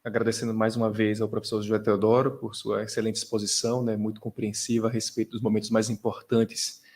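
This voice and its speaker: A man moderating an academic conference, speaking in measured, formal wording. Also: on the low side, monotone, a little mellow. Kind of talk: academic remarks.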